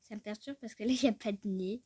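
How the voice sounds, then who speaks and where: A woman's voice: medium pitch, quick pace, dark tone, slightly rough, dry recording. A woman chatting casually through a tutorial, rambling, talking to herself and often dropping to a murmur. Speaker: YouTuber showing a tutorial. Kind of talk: casual screen-recorded tutorial chat.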